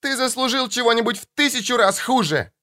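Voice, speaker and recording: A woman's voice: a little high, expressive, brisk, sharp tone, pitched above the performer's own voice. A man reading an audiobook voices a furious young woman who is crying and out of breath, hurling bitter accusations at her father. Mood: furious, sobbing. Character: furious tearful young woman, narrator's daughter.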